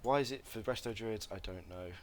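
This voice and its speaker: A man's voice: fairly low pitch, fairly quick, slight background noise. A man giving a casual gameplay tutorial, rambling and correcting himself with lots of fillers, with a slight cough. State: coughing, slight throat irritation. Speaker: game guide presenter.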